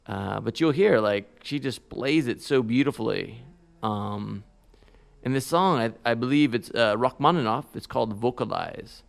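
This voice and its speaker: Slow, gravelly-voiced male radio host. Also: mid-range voice, expressive. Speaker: radio music show host. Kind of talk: casual radio DJ patter between songs.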